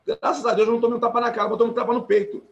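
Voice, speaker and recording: A man's voice: extremely high pitch, racing, vocal fry, muffled recording. A Brazilian man with a Carioca accent, in his forties, speaking earnestly and emphatically as a panelist on a live video call, often restarting his sentences. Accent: Carioca Portuguese. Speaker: panelist, former law student and activist. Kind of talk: live-streamed panel talk.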